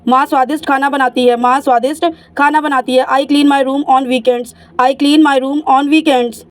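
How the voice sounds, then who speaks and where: A woman, teaching English by reading each sentence twice, slowly in English and quickly in Hindi. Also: sits high, fairly even intonation, no room sound.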